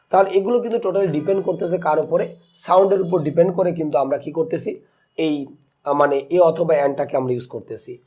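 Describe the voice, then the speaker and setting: A man with a fairly high but mellow voice teaches a grammar lesson. He keeps asking questions and answering them himself, and he stretches out example words slowly. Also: slightly rough. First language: Bengali. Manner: slow deliberate spelling and pronouncing of words. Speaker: English teacher.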